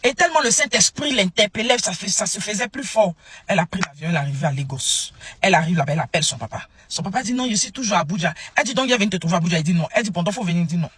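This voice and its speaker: A man, his voice high and husky, races through a religious testimony. He turns straight to his listeners and acts out every person he quotes with dramatic flair. The sound is close and dry, with no room around it. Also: expressive, rapid-fire, fairly bright tone, no echo.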